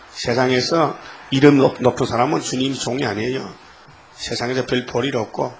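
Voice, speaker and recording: Gravelly older preacher man. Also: medium pitch, a little hiss or hum. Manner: emphatic, repeats phrases, asks the congregation "예?"; slow solemn scripture reading. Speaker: pastor. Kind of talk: sermon.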